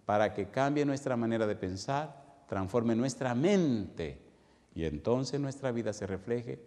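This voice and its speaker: A man preaching a sermon, firing rhetorical questions at the congregation and telling stories that swing from loud to hushed. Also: medium pitch, lively intonation, measured pace. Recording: long hall reverb.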